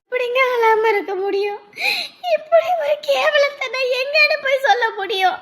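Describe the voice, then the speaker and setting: A proud, quarrelsome village mother in a family drama, acted by a woman. Her voice sits very high. She scolds and pleads with raw emotion. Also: lively intonation, normal speed, fairly bright tone. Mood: wailing despair. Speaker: mother of the groom. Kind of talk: Tamil family drama acting.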